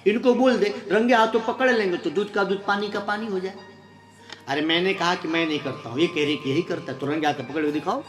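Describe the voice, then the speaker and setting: A man's voice: high-pitched, a little fast, pitched above the performer's own voice, natural voice. A man voicing a clever, mischievous young boy who pleads innocence to his mother. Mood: scheming. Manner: sly, innocent-sounding pleading. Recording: roomy hall with faint music.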